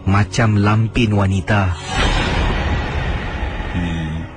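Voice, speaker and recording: A man, a radio host telling listeners' horror stories late at night, slowing down and dropping his voice low for suspense. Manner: dramatic storyteller, slows and drops low for suspense. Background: music bed.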